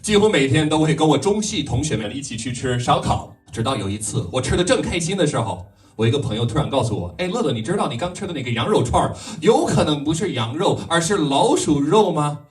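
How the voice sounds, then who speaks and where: A man's voice: on the high side, sing-song, quick pace, distant mic. A man from the United States acting an earnest young stand-up comedian, a foreigner speaking fluent Mandarin. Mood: earnest, chatty.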